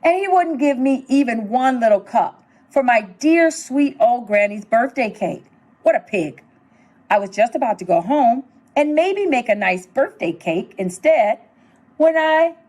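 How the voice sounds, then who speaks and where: Middle-aged woman, high, lively storybook read-aloud, unhurried and expressive. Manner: expressive storytelling, narrating as the wolf. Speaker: school superintendent reading aloud.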